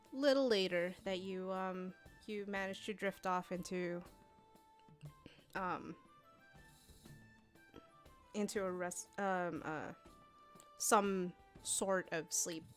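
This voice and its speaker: Slow halting woman game master. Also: mid-range voice, steady tone, soft background music. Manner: slow, halting, many fillers. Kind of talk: narrating a tabletop game.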